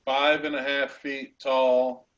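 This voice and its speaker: A man acting as game master, narrating and explaining a tabletop game haltingly, pausing mid-sentence. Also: medium pitch, level tone, a bit bright, dull audio.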